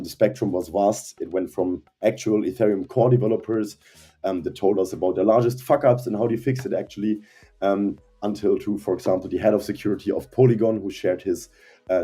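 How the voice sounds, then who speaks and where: A man's voice: low-pitched, warm tone, husky. A man presenting a community update as CTO, talking enthusiastically about a conference. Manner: enthusiastic, keeps saying super.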